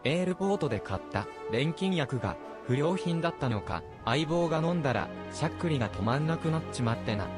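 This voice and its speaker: A man voicing a gruff, blunt male adventurer in a video game, speaking roughly. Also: on the high side, animated, rapid-fire, hardly any pauses, music in the background, lightly acted. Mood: relieved.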